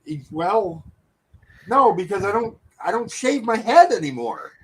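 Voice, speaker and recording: A man's voice: sits high, big pitch swings, measured pace, slight background noise, rough recording. A man in casual, joking banter with a friend, swearing freely and teasing back.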